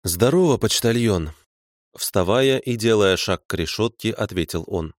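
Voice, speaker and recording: A man with a lowish voice reads a first-person audiobook in a dry, wry way. The sound is dead and close, with no room around it. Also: moderate pace, no echo. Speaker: audiobook narrator.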